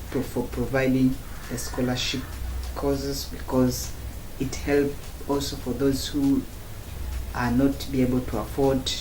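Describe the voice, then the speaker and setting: A man from Tanzania, giving a student testimonial in slow, halting phrases broken into short chunks. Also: medium pitch, a little mellow. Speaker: former student giving a review. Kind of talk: spoken testimonial. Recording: roomy echo, faint background noise.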